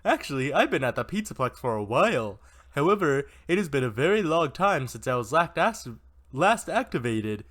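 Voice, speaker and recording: A man's voice: on the high side, sing-song, normal speed. A man voicing a cheerful childlike cartoon pig robot guide with a stuffy nose, like a young kid. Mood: chipper. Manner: bright, eager, chirpy.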